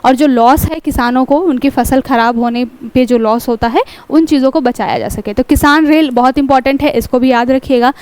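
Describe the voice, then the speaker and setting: A woman's voice: high voice, normal speed, hardly any pauses, a little mellow, clean tone, no echo. A woman teaching an exam-prep class, explaining a newspaper editorial step by step, asking rhetorical questions and mixing in English terms. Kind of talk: newspaper analysis lecture.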